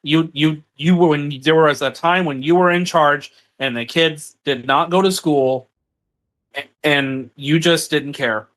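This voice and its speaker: Over the phone, a man argues heatedly with his partner, frustrated and accusatory, repeating himself. His voice is a little high and fairly bright, and he speaks unhurriedly.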